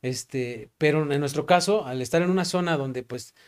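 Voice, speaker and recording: Earnest young Mexican pastor, fairly high voice. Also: male voice, normal speed. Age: young adult. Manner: earnest, many fillers like "este" and "¿no?"; acts out both sides of remembered dialogues. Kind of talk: testimony in an interview.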